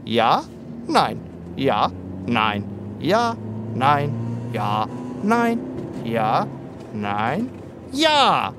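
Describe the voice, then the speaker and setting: A playful talking zebra from a children's radio play. The delivery is theatrical and self-important, with stretched words and wildly swooping pitch. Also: male voice, wildly swooping pitch, very slow, long pauses, noisy background, full character voice. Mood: mock solemn. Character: cheerful talking zebra, playful know-it-all road safety expert. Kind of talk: children's audio drama acting.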